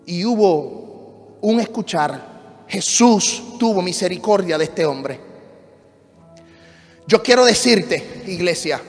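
A male pastor preaching a fervent sermon in a church, swinging between shouted refrains and hushed teaching. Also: high voice, vocal fry. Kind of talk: passionate Spanish sermon. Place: church sanctuary. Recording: reverberant church hall with music.

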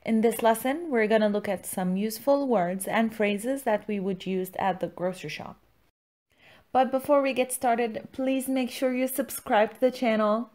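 A woman's voice: fairly high pitch, moderate pace, a little mellow. A woman hosting a scripted language lesson, enunciating words and phrases in an instructional way. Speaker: language teacher, channel host.

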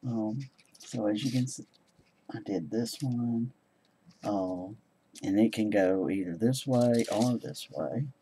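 A man's voice: fairly low pitch, takes it slowly, warm tone, slight background noise, low-quality recording. A man casually showing his handmade cards, rambling and hesitant with many ums. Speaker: crafting vlogger. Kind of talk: casual show-and-tell chat.

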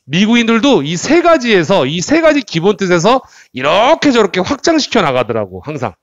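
A man teaching English at the board, with a lively voice that jumps up and down and sits fairly high. He repeats key words and keeps firing questions at the class. The sound is close and dry, with almost no room echo. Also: fairly quick, dull audio. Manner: animated, repeats words and asks rhetorical questions. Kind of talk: classroom lecture.

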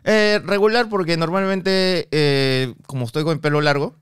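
A man's voice: a little high, normal speed, clear, resonant tone, dry recording, studio quality. A man in his thirties with a Peruvian accent, chatting as a podcast guest, telling stories in slangy talk and acting out the other voices in them. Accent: Peruvian Spanish. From Peru. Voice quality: animated storyteller, acts out dialogue, slangy. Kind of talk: casual chat.

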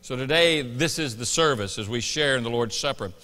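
Bright-voiced male pastor in a reverberant hall. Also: medium pitch, fairly quick. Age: middle-aged. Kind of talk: church sermon, conversational. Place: church sanctuary stage. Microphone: lapel.

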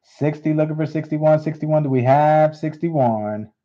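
A man hosting a live coin auction, repeating bids in steady auctioneer patter. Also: a little high, measured pace. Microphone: unseen, hands on camera. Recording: dull lo-fi stream audio.

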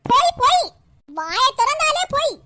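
A woman voicing a playful, scheming old mother-in-law in a comic cartoon, in a Kanyakumari Tamil accent, with a high, exaggerated voice and cackling laughs. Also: lively intonation, fairly quick, very noisy. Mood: scolding.

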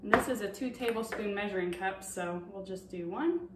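In a noisy setting, a medium-pitched young woman talks at normal speed while demonstrating a recipe at home, explaining each step casually with many fillers. Her voice comes through a far tripod camera, sounding distant and roomy.

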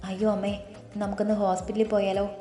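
A woman voicing a gentle, caring young daughter-in-law who talks softly. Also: mid-range voice, flat delivery, fast, roomy sound, faint music behind, close to an everyday voice.

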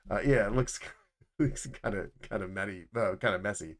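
Middle-aged man, deep voice, casual instructor narrating slides over a webcam. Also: normal speed. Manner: casual, explanatory, many restarts. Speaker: footwear design instructor.

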